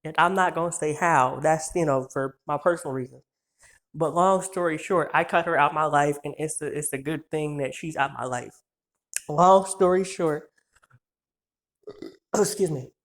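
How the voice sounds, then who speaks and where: A woman's voice: sits low, moderate pace. A woman in her twenties ranting through a casual storytime video, cursing freely, rambling, and laughing often. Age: 20s. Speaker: vlogger.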